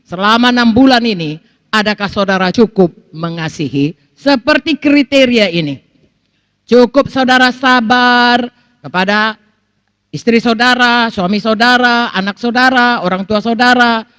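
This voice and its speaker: A woman's voice: fairly high pitch, a little slow, no room sound. A middle-aged woman pastor from Sumatra, preaching a sermon and acting out the people she quotes. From North Sumatra. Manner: animated preaching, acts out quoted voices, keeps addressing the congregation.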